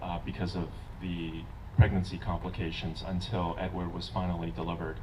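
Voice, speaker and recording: A young man with a deep voice interprets his mother's wedding speech into English at a level tone and normal speed, hesitating and searching for words. It's an outdoor garden wedding, picked up by a distant mic with plenty of outdoor noise.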